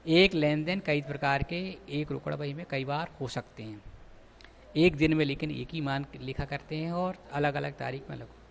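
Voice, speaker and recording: A man's voice: fairly high pitch, gravelly, slight background noise. A man teaching an accountancy class, explaining step by step and addressing his students as children. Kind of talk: classroom lecture.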